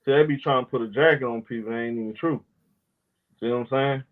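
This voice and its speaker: A man's voice: mid-range voice, quick pace, narrow, tinny audio. A man hosting a casual sports talk live stream, loose and argumentative, talking back to his chat in slang.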